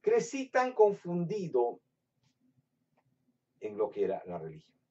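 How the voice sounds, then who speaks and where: Man from Latin America, preacher, emphatic sermon, warm dark tone, distant dull lo-fi recording. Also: a little high, wildly swooping pitch, slow pace. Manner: emphatic preaching, swinging between loud bursts and hushed storytelling. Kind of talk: evangelistic sermon with personal testimony.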